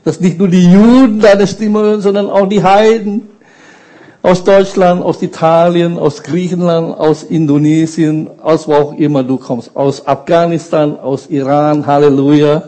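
A man delivering a sermon with a fairly high voice. He speaks slowly and with emphasis, and keeps turning to the congregation with short questions. His delivery is deliberate and earnest. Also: steady tone, mellow, rough recording. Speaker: preacher.

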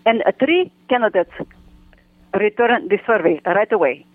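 A man's voice: high voice, expressive, moderate pace, breathy edge, no echo. A man voicing a feisty, doting older woman who calls everyone darling and speaks broken English. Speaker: regular segment guest. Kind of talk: comic phone-in chat. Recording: tinny phone line.

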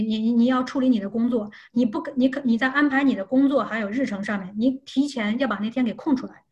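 A woman's voice: fairly high pitch, darkish tone. A woman teaching an unscripted online language lesson, explaining step by step and often repeating and rephrasing herself.

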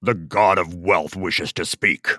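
A man voicing a stern giant male official of heaven who speaks slowly, deep and scornful. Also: fairly even intonation, pushed and bright, no echo, clean studio sound, heavily acted. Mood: commanding.

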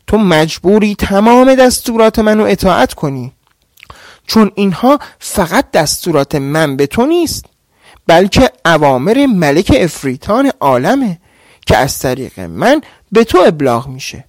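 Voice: mid-range voice, very animated, no room sound, clean studio sound, lightly acted. A storyteller voicing an old jinn witch, a domineering mother who gives stern, threatening orders. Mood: imperious. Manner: commanding, threatening.

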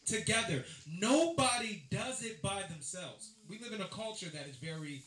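A man hosting a live panel event and taking audience questions, talking in an animated, exclamatory way. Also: sits high, normal speed. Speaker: event host and moderator. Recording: echoey event room.

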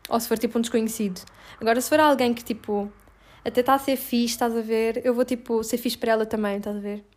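A woman's voice: on the high side, steady tone, fast talker, darkish tone. Blunt woman. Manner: blunt, frank, constant filler words. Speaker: interviewee. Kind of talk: casual interview.

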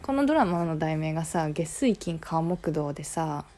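A woman's voice: low voice, lively intonation, normal speed, dark tone. A woman with a Kansai accent chatting casually on her own, playful and musing aloud, switching between English and Japanese. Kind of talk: casual solo talk, mixing English and Japanese.

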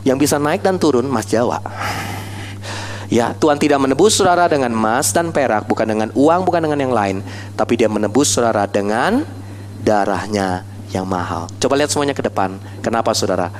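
A man preaching a sermon with animated delivery. He keeps turning to the congregation with rhetorical questions. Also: medium pitch, fast, slight background noise.

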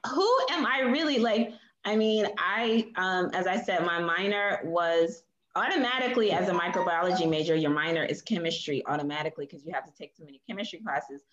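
A woman's voice: on the low side, fairly quick, hardly any pauses, a crowd in the background. Chatty woman in an echoey room. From Philadelphia, USA. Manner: chatty, lots of "like" and "um". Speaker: guest. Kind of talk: casual interview conversation. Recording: echoey room, dull lo-fi sound.

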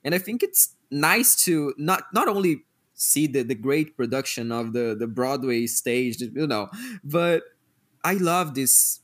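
A man's voice: mid-range voice, animated, unhurried, a bit bright. Guy cohosting a podcast, casual chat, kinda hesitant, mid voice. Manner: thoughtful, hesitant, chatty. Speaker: podcast co-host.

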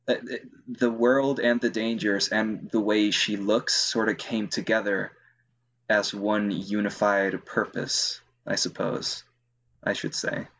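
A man's voice: fairly low pitch, a bit bright. A man chatting casually on a podcast, hesitant, with many fillers and restarts. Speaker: co-host.

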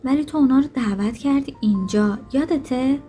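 A woman reading an audiobook, voicing a young female assistant with a slight Dutch accent who speaks calmly and firmly. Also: high voice, faint music behind, natural voice.

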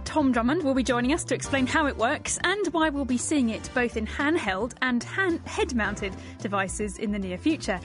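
A British woman co-hosting a science show, reading a script with a bright, curious manner. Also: on the high side, lively intonation, moderate pace, few pauses, faint music behind. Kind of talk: scripted radio science presenting.

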